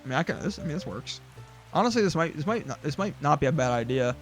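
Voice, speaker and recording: A man's voice: a little high, expressive, quick pace, faint music behind. A man streaming a farming game, chatting casually with lots of fillers and restarts. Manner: rambling, many fillers and restarts, chuckles. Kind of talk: casual gameplay chat.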